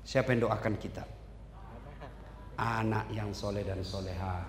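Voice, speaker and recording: A man preaching a sermon, animated, swinging between loud and hushed. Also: lowish voice, a little slow, a little hiss or hum. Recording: echoey hall with faint ambience.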